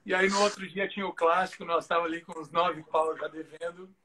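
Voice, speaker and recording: A man's voice: a little high, fairly even intonation, fairly quick, bright, forceful tone. A man, a show jumping rider, telling stories in a casual live interview, chatty and full of fillers like "cara". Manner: chatty, fills talk with "cara" and "né".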